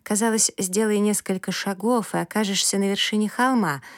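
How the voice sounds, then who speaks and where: A woman narrating a children's story in calm, even tones at a mid pitch. The recording is close and dry, with no room sound. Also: fairly quick, no echo. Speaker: audiobook narrator.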